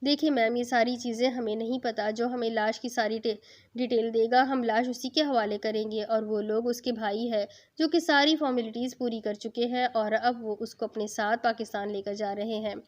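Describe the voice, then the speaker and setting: A woman's voice: fairly high pitch, fairly even intonation, natural voice. A woman reading a firm male doctor. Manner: firm, explaining. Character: matter-of-fact hospital doctor, man. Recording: dull lo-fi.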